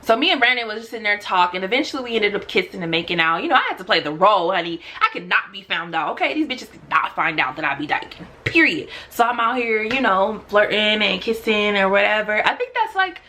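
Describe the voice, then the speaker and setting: Casting: tipsy American woman, bright punchy voice, sassy and emphatic casual storyteller. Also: mid-range voice, very animated, fast, few pauses. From Los Angeles, United States. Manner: tipsy, drinking while telling the story; slangy, sassy, emphatic delivery. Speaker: storytime vlogger.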